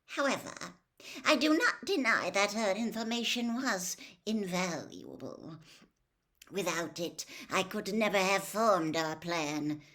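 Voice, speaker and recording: Storybook villain: a cold, silky male dark lord played by a woman, slow, mocking, swooping widely in pitch. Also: animated. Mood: cruelly amused. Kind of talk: storybook villain read aloud.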